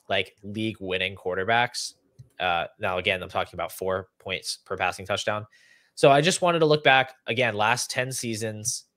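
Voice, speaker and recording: Speaking from a small indoor room at home over a video call setup, this young adult podcast host talks fantasy football in a conversational, analytical way. He explains the figures and works through lists in a fairly low, fairly bright male voice, with no room sound audible.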